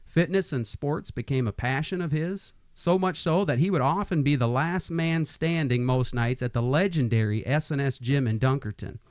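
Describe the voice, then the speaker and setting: A man's voice: fairly high pitch, normal speed, few pauses, a little mellow, no room sound. Brief: forties male podcast host from Iowa, hype-man energy, rambling chatty talk, dry close mic. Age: 40s. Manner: upbeat hype-man intros, chatty with many restarts. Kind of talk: casual podcast interview.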